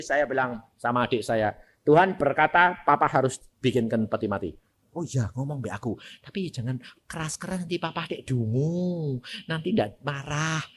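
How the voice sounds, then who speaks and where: An older man preaching. His fairly high voice swings widely, rising to loud exclamations and sinking to quiet asides. He acts out family dialogue in the middle of the sermon. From Indonesia. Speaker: evangelist preacher. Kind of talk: sermon with storytelling.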